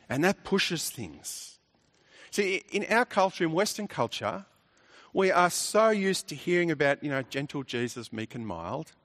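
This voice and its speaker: A man delivers a sermon with a fairly high voice, pressing his points with rhetorical questions and restarts. His delivery swings between soft, hushed asides and stronger declarations. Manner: emphatic, rhetorical questions, repeats words. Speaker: preacher.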